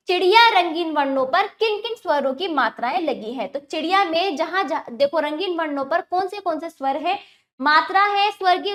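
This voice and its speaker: Woman teacher, high voice, patient, quizzes the kids then gives the answer. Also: fairly bright tone. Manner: patient, asks pupils questions then answers them; slows down and stresses each word when spelling examples. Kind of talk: Hindi grammar lesson for children.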